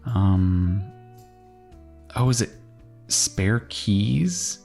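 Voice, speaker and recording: A man with a low voice talks casually as he works through a puzzle, thinking out loud. He muses and asks himself questions along the way. Plucked guitar music plays behind him. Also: expressive, very slow, vocal fry. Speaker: crossword solver hosting a solve-along video.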